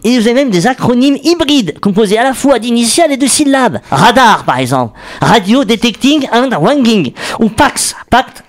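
A man's voice: very high-pitched, sing-song, moderate pace, few pauses. A man delivering an explanatory radio column in a studio, joking and restarting as he goes. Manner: explanatory, jokey, thinks aloud with restarts. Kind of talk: radio chronicle on acronyms.

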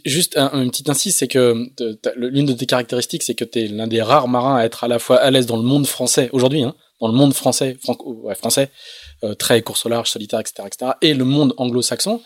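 Male interviewer, brisk and conversational, dry close mic. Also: medium pitch, fairly even intonation, no room sound. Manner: quick interjections, finishes the guest's sentences. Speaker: interviewer, host. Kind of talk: casual interview.

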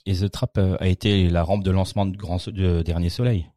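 Un homme qui interviewe un réalisateur, avec de courtes relances dans une conversation détendue. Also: male voice, deep voice, steady tone, mellow, dry recording, clean studio sound. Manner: short, quick prompts and backchannels. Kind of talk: casual interview chat.

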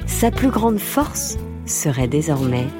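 A woman narrating a children's story in a lilting, expressive way. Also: deep voice, slow pace. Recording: music bed under the voice.

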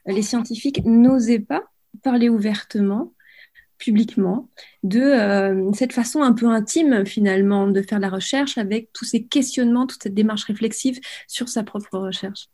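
A woman's voice: a little high, moderate pace, warm tone. A woman moderates a discussion as host, putting questions to her guests. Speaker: interview host.

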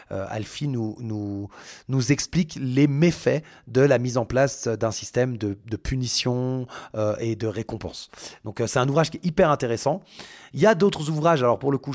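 Hesitant man hosting a parenting podcast. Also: mid-range voice. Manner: hesitant, many fillers and restarts, addresses the listener as tu. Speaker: podcast host. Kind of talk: casual solo podcast on parenting.

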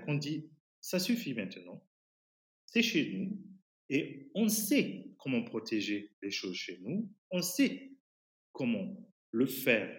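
A man speaks French with a foreign, English-tinged accent, pleading his case in an interview. His pitch moves in lively sweeps, and he often stops to hunt for a word before pressing on with emphasis. The room around him rings with echo. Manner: halting, searching for words, emphatic. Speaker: podcast guest, activist. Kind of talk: impassioned interview talk. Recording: roomy, echoing sound.

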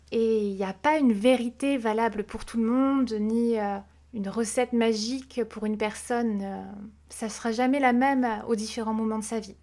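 A woman who works as a vocal coach, explaining her ideas in a relaxed interview with frequent hesitations. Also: a little high. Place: podcast recording.

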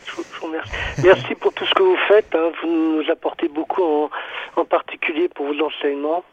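A man from Poitou calls in, his voice a touch higher than most. He speaks earnestly and a little haltingly, thanking the host. It all comes through a thin, tinny phone line. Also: fairly even intonation, husky. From Poitou, France. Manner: hesitant, earnest, grateful. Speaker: caller. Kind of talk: phone call-in conversation.

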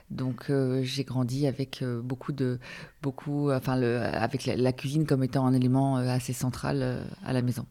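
A woman's voice: extremely low pitch, mellow. A woman in her forties, a podcast guest, answering casually with hesitation, restarts and short laughs. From born in the United States, raised between Geneva and Paris. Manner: hesitant, many fillers and restarts, laughs between thoughts.

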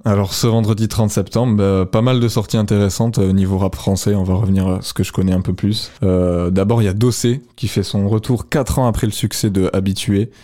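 A young man co-hosting a radio music show, talking through new rap releases in a relaxed, conversational way. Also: fairly low pitch, brisk, few pauses. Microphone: studio microphone.

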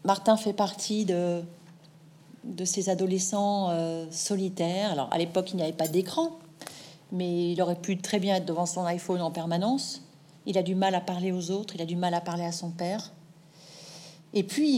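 Give me a mellow, thoughtful middle-aged woman novelist speaking in an interview. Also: lowish voice, fairly even intonation. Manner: thoughtful, measured, with hesitant restarts. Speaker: novelist guest. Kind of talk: interview answers.

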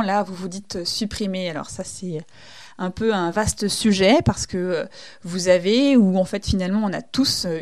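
A woman's voice: medium pitch, darkish tone. French woman hosting a how-to podcast. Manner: friendly, explanatory, with many fillers. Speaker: podcast host. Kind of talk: explanatory podcast talk.

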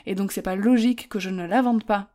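A woman's voice: mid-range voice, steady tone, a little fast, dark tone. A woman hosting a solo podcast, giving marketing advice directly to the listener in a casual, informal way with frequent fillers. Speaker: podcast host.

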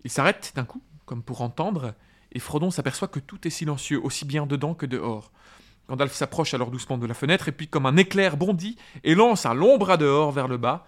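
A man's voice: a little high, animated. A man hosting a casual book discussion, talking enthusiastically and reading passages aloud. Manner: enthusiastic, halting restarts. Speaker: podcast host and reader.

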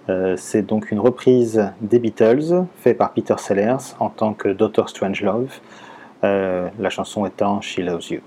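A man leaving a brief, friendly voice message for a podcast. His voice is fairly low with a dark, mellow tone. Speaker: listener caller.

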